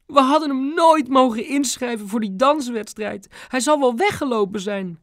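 A man's voice: sits high, animated, moderate pace, no echo, clean studio sound, pitched above the performer's own voice. A man doing a tearful, pleading mother. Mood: distraught. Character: distraught loving mother, middle-aged woman.

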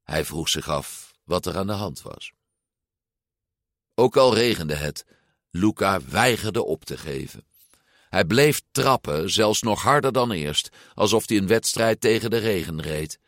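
A man narrating a children's storybook in a lowish voice that ranges widely in pitch, expressive as he acts out each figure. The sound is dry and close, with no room around it. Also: measured pace, no room sound. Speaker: audiobook narrator.

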